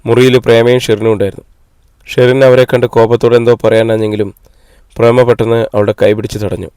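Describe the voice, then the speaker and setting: A man reading a novel aloud as an audiobook narrator, in a steady storytelling read on a close mic. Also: mid-range voice, fast, clean tone, dry recording. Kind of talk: scripted narration.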